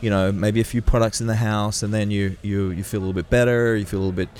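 Low-voiced enthusiastic male podcast host. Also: little pitch movement, fast talker, darkish tone. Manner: enthusiastic, stammering restarts. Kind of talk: casual podcast interview.

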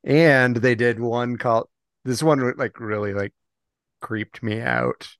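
A man co-hosting a podcast, talking slowly in a smooth voice with a gravelly edge. He chats casually, laughs often and wanders off on tangents. The sound is dry and close. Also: medium pitch, animated, a bit bright, dry recording. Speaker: podcast co-host. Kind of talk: casual chat.

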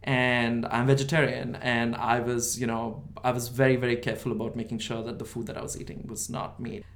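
A man's voice: mid-range voice, flat delivery, fairly quick, creaky, a bit bright. A man from India, telling stories in an interview with a self-deprecating, laughing manner. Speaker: guest. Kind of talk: interview storytelling.

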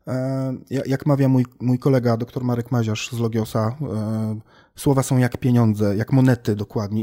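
A man, a language researcher, explaining his work in a relaxed conversation with homely examples and frequent thinking-aloud fillers. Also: medium pitch. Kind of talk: casual expert conversation.

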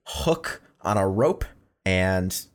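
A man co-hosting a casual film podcast, recapping the plot in a relaxed way. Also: deep voice, drawn-out words. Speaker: podcast co-host.

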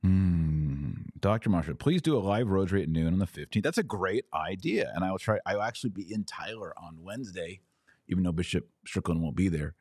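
Responding to live audience comments, this American podcast host speaks in a very low, darkish voice that's expressive and fairly quick. Blunt and full of opinions, he repeats phrases for emphasis. The audio is dry, with barely any room tone and no echo.

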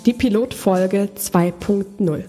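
A woman's voice: medium pitch, slow, warm tone, soft background music. A woman hosting her own podcast as a voice coach, speaking to the listener in a scripted coaching monologue full of questions.

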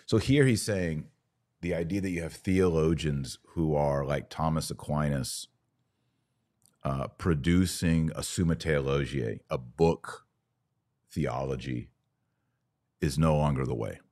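A man with a very deep voice hosts a religious podcast, talking in a conversational yet emphatic way. He builds his arguments through rhetorical questions and passages he reads aloud, speaking a little slowly and mellowly with long pauses.

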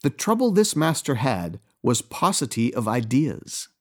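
A man reading a story aloud as narrator, in a wry, gently ironic tone. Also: medium pitch, very animated, measured pace.

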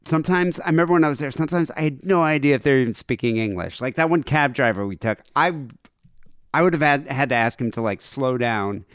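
A man's voice: mid-range voice, animated, quick pace, smooth, no echo, studio quality. An American man hosting a podcast in a casual, joking, conversational style. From United States. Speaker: podcast host. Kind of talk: casual comic banter.

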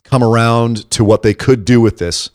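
A man co-hosting a podcast, talking in a casual, animated way about wrestling and laughing easily. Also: mid-range voice, normal speed, no echo, studio quality. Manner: animated, excitable, breaks into laughs. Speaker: podcast co-host.

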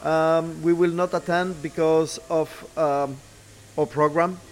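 A middle-aged man, not a native English speaker, answering interview questions haltingly, searching for words and repeating phrases. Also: fairly high pitch, steady tone. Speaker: racing team boss, former driver. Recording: clear background noise, ambient sound.

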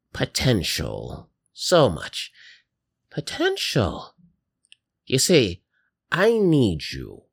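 A man's voice: fairly low pitch, slightly rough, heavily acted. A man voicing a sweet, doting grandmotherly horror, a bloated drowned old woman, in a tabletop game. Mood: gloating. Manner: sweet, cooing, gloating.

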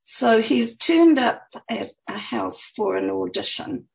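Chatty woman author, slow and gravelly. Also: fairly high pitch, lively intonation, a little mellow, low-quality recording. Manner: chatty, hesitant with fillers. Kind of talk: interview answers and reading aloud.

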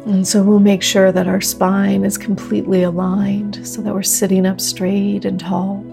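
Woman, meditation teacher, soothing sleep-story style narration, gentle unhurried delivery, creaky voice, new-age music behind. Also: medium pitch, monotone. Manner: gentle, unhurried instruction with long pauses. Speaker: meditation teacher leading a group practice. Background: soft new-age music.

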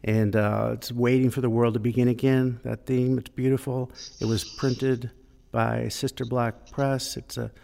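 A man's voice: medium pitch, flat delivery, unhurried, gravelly, dark tone. A man co-hosting a podcast in casual chat, hesitant with many fillers, recorded alone in an empty church sanctuary with a cathedral-like echo. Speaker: podcast co-host. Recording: echoey church hall reverb.

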